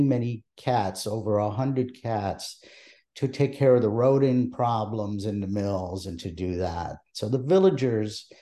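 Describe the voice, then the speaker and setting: An older man from Palestine, answering oral history interview questions in a measured way with many hesitations. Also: fairly low pitch, dark tone. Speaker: interviewee, archive creator.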